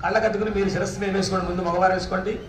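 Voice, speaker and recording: Temple priest, man, high pitch; leads a fire ritual with slow chanting and brisk explanations, heard from far off in an echoey temple hall. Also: flat delivery, slight background noise. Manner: slow sung chanting between quick spoken explanations.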